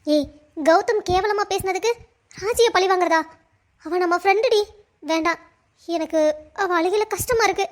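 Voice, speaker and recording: A woman voicing a caring, soft-hearted young friend in a cartoon, sympathetic and coaxing. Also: very high voice, moderate pace, long pauses. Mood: pleading. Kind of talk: cartoon voice acting.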